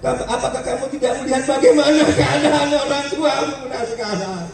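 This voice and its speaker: A man as a gentle pious questioner, high and echoey. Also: a little fast, creaky, crowd noise. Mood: coaxing. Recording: echoey, far from the mic.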